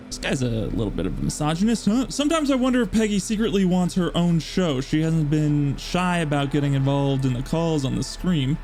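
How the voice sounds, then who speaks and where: A man's voice: a little high, mellow. A male streamer giving casual gaming commentary, joking, laughing and thinking aloud.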